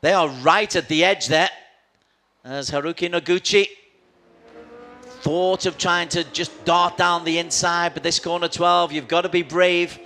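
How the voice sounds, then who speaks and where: A man's voice: on the high side, fairly even intonation, a little slow, pushed and bright. A man working as a motorsport commentator, calling a live motorcycle race with dramatic play-by-play.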